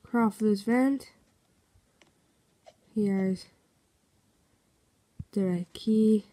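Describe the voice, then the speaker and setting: A woman gives relaxed, slow-paced commentary over her own gameplay. She reads in-game notes aloud and reacts out loud as she plays. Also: medium pitch. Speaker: game video maker.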